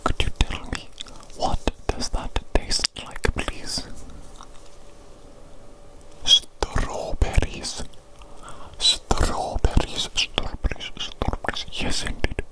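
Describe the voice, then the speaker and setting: Speaking extremely slowly on a low-quality recording, a woman performs ASMR as a playfully evil doctor gently checking over a big creature patient. Her breathy, unvoiced whisper is soothing, and she repeats her words.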